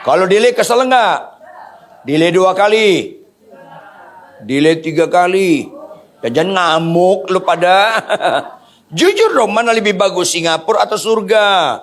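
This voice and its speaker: A man's voice: high-pitched, lively intonation, measured pace, long pauses. A man preaching a sermon to a congregation, joking in casual slang and quizzing his listeners with questions. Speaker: pastor.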